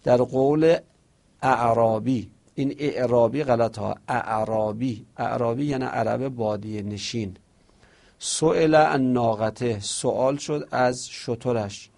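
Gravelly man teaching a seminary lesson. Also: mid-range voice, warm tone. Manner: reads Arabic lines slowly, then explains them in casual speech. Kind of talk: classroom lecture reading and explaining an Arabic text.

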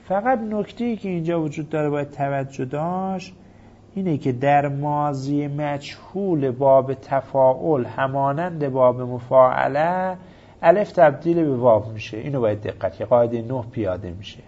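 A man's voice: medium pitch, darkish tone. A man teaching a grammar lesson, patiently reciting verb forms in methodical lists. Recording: dull lo-fi recording.

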